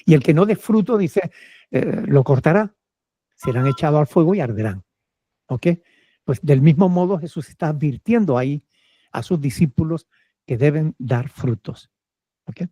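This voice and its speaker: Pastor with a mellow, dry voice. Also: male voice, on the high side, expressive, normal speed, long pauses, husky, no echo. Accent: Peruvian Spanish. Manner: explanatory, often checks with "¿ok?". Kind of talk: answering questions in a church Q&A.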